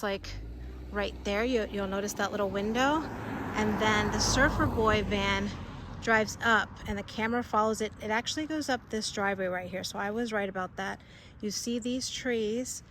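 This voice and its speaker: A woman's voice: mid-range voice, a bit bright, a little hiss or hum. Woman thinking aloud on a street tour. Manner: tentative, thinking aloud with fillers. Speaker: vlogger showing film locations. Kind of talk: casual walking tour commentary. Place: outdoors on a residential street.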